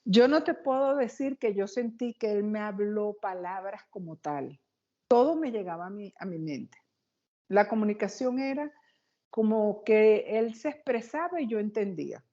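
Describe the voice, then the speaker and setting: Warm-voiced woman telling an excitable story. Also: medium pitch, lo-fi sound. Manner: animated, quick, excitable retelling. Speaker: interview guest. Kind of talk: personal storytelling in an interview.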